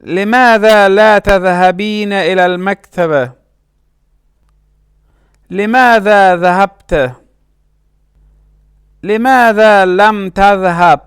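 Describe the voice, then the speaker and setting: A man teaching a language lesson, saying short phrases slowly and carefully and repeating each word. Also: high voice, a bit bright, smooth, dry recording, clean studio sound. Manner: slow, careful pronunciation with repeated words.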